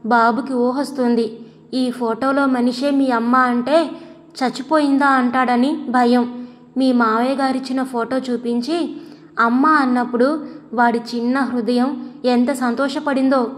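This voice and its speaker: A woman voicing a sorrowful young woman who gently confides family grief to a guest, in a storybook reading. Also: sits high, steady tone, measured pace. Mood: sad confiding. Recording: long hall reverb.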